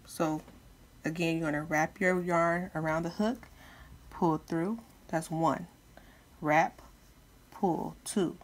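Lady doing a chill craft how-to, talks real slow, bit of a retainer lisp, voice a little on the low side. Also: steady tone. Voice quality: slightly lisped speech from wearing dental retainers. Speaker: crochet tutorial host. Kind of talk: casual step-by-step craft instruction.

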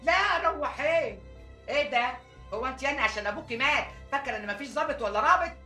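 An actress with an Egyptian Arabic accent playing a dramatic, sharp-tongued older aunt who scolds her nieces. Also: sits high, very fast, faint music behind. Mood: scolding.

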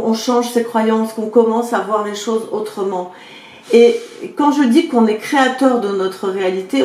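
A woman's voice: mid-range voice, roomy sound. A woman personal development coach giving chatty spoken advice, talking straight to her viewers and acting out little anecdotes. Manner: chatty, addresses viewers directly with frequent checks; acts out quoted exchanges in lively voices.

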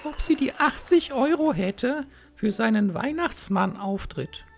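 A woman playing a cheerful, cheeky young boy in a children's puppet play, speaking simply and deliberately. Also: fairly high pitch, animated, creaky, faint music behind. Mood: doubting, tattling. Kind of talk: children's puppet theatre dialogue.

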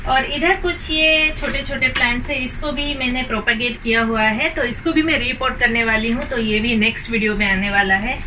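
A woman's voice: on the high side, steady tone, a little fast, few pauses, noisy background. A woman in her thirties giving a chatty, cheerful tour of her small apartment balcony garden, slipping English words into her speech. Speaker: home decor vlogger. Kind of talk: casual video tour narration. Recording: slightly distant camera mic, faint outdoor ambience.

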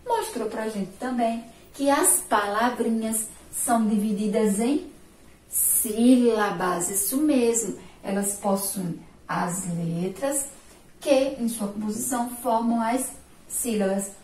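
Woman, Sergipe Brazilian accent, literacy teacher for young kids, patient, very slow, fairly high voice, echoey room, distant mic. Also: a little mellow. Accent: Sergipe Brazilian Portuguese. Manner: slow, patient, praises imagined answers, stretches syllables. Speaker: primary school teacher. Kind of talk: remote literacy lesson for young children.

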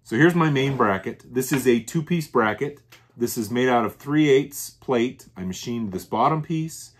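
A man hosting his own workshop channel, walking through machined parts in a plain, methodical way and often restating his points. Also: mid-range voice. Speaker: channel host. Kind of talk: workshop show-and-tell. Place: workshop bench.

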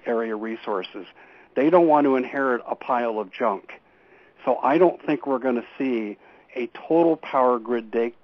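Radio guest, male, mid-pitched, earnest and urgent, stumbling restarts, muffled lo-fi line. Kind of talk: call-in radio interview. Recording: dull lo-fi radio audio.

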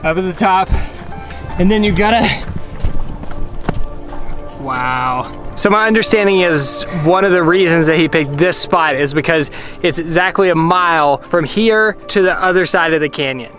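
A man's voice: a little high, moderate pace, long pauses, over music. A young man narrating his travel vlog in a casual, upbeat, chatty way, filming outdoors and in a camper van with a handheld camera. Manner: upbeat, chatty, laughs easily. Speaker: travel vlogger.

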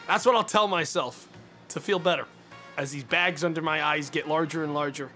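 Bright-voiced young man ranting at chat. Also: on the high side. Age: 20s. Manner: ranting, mock-indignant, swearing. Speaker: streamer. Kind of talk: casual chat with viewers. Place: small dim room indoors.

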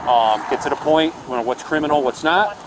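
A male police officer giving brisk short orders and recounting events casually, recorded on his body camera. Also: on the high side, expressive. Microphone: own body camera. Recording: noisy body-camera audio.

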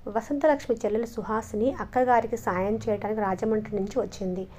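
Calm woman reading a story aloud. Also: mid-range voice, fast. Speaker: audiobook narrator. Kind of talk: storybook narration.

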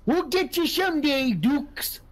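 A man playing a bumbling, indignant sheriff in game roleplay, with a husky, cracking voice. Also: very high-pitched, lively intonation, measured pace. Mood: threatening, indignant. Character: excitable, bumbling, indignant Southern male sheriff. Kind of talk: improvised online game roleplay.

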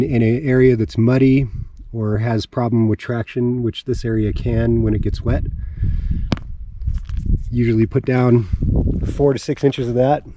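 A homesteading vlogger in his forties, with a warm, medium-pitched voice, walks around open dry land outdoors, casually pointing things out and explaining his plans. The audio has no room sound, and its highs are cut off.

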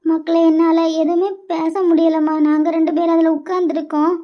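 A woman doing a gentle, soothing cartoon mother. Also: very high voice, flat delivery, a little fast. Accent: Kanyakumari Tamil. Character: gentle middle-aged mother soothing her son. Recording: dull lo-fi recording.

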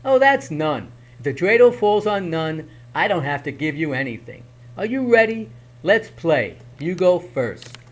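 A man voicing a clever, cheerful young trickster in a storybook, bright and teasing. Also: a little high, big pitch swings, unhurried, pitched above the performer's own voice. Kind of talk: storybook read-aloud.

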